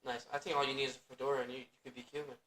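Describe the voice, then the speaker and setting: A man's voice: mid-range voice, flat delivery, racing, fairly bright tone. A man in his twenties hosting a podcast, joking crudely and swearing in casual chat. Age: 20s. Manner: crude joking, swears a lot, laughs often. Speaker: podcast host. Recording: roomy echo.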